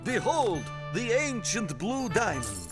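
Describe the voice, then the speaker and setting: An earnest ancient statue guiding a boy in a children's cartoon. His voice rises and falls a lot. Clear music plays under him. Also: sits high, wildly swooping pitch, takes it slowly, exaggerated voice. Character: wise ancient statue guide. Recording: music playing behind.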